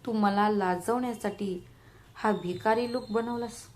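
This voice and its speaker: A woman's voice: mid-range voice, unhurried, close to an everyday voice. A woman voicing a haughty, scheming daughter-in-law who talks falsely sweet and scornful.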